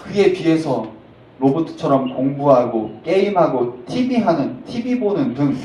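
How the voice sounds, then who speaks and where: A man preaching a sermon to middle schoolers as a youth pastor, with sudden loud emphatic rises. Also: a little high, animated, measured pace, a little hiss or hum. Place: church sanctuary. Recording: echoey hall from a distance.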